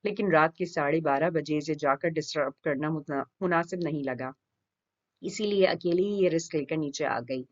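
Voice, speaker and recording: A woman reading a romance novel aloud as an audiobook narrator, steady and expressive. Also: low-pitched. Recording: dull lo-fi recording.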